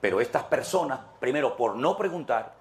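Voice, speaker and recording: A man's voice: mid-range voice, lively intonation, brisk. A man preaching a sermon to his congregation as pastor, emphatic and repetitive, speaking to them directly.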